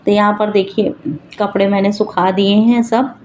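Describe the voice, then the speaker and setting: A woman's voice: medium pitch, level tone, moderate pace, darkish tone, a little hiss or hum, rough recording. A middle-aged woman and mother narrating her home routine and cooking in a chatty, homely running commentary for her vlog, recorded at home in her kitchen.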